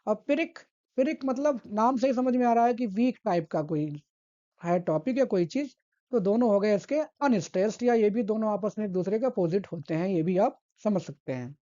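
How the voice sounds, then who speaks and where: A woman's voice: mid-range voice, animated, normal speed, dark tone, highs cut off. A woman giving an exam-prep literature lesson, patiently repeating key terms and asking questions as she explains. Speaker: English literature teacher.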